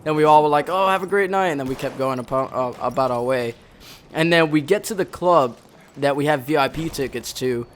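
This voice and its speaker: A man's voice: medium pitch, a little fast, slight background noise. A young man from the Bronx, a former Marine, telling a rambling, profanity-heavy story in casual chat over gameplay, often correcting himself mid-sentence. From the Bronx, New York. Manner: rambling, heavy swearing, frequent self-corrections.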